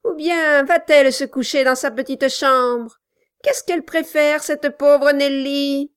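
A spiteful, gloating dwarf of a man, as a woman reader puts him on, barking threats and cooing with false sweetness. The voice sits high and is delivered slowly, each word pushed out loud. It is an audiobook figure who is cruel and enjoys it. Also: lively intonation. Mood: mock-sweet.

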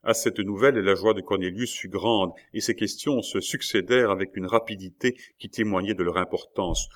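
A man with a fairly low voice reads a classic novel aloud as an audiobook. His narration is measured and expressive.

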